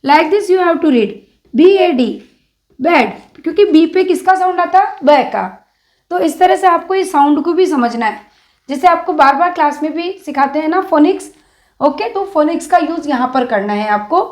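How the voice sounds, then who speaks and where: A woman's voice: high voice, animated, a little mellow. A young woman with an Indian English accent teaching children phonics, spelling words out letter by letter in a patient, coaxing way. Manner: slow, drawn-out letter-by-letter spelling.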